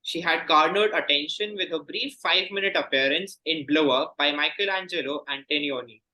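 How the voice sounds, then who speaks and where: Serving as quizmaster, a man reads questions aloud formally and courteously at a brisk pace. His slightly high voice has a very bright, crisp edge, though the audio quality is poor.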